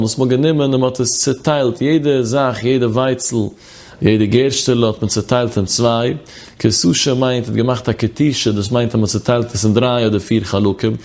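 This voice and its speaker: A man's voice: medium pitch, a little mellow. Man in a sing-song study lesson. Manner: sing-song study chant, reading phrases then explaining. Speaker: religious teacher. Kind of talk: chanted text study lesson.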